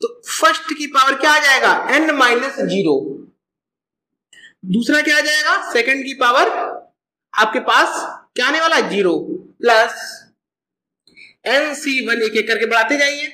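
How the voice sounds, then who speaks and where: High, bright-voiced man teaching math. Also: unhurried, long pauses, echoey room, low-quality recording. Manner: explains step by step, asking and answering his own questions. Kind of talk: whiteboard math lesson.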